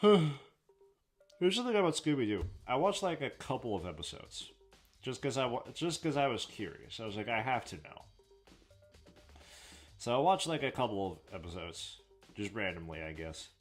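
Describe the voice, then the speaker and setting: A man's voice: medium pitch, very animated, moderate pace, faint music behind. A man casually rambling and joking while commentating his own game playthrough, often trailing off. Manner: casual, self-deprecating, trailing off, swears. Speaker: let's play host.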